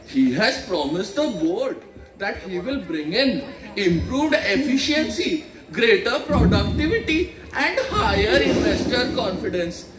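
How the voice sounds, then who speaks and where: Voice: mid-range voice, sing-song, measured pace. A performer playing a chatty, flustered outgoing king of ghosts in an amateur comedy skit, talking theatrically in office jargon. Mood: resigned. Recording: echoey stage recording with clear background noise.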